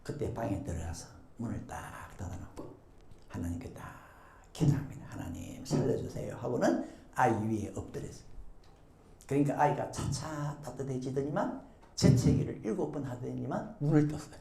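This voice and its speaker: Animated woman preaching in an echoey church. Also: very deep voice, normal speed, gravelly, slight background noise. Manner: animated storytelling, acting out quoted voices. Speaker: pastor. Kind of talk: sermon. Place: church sanctuary.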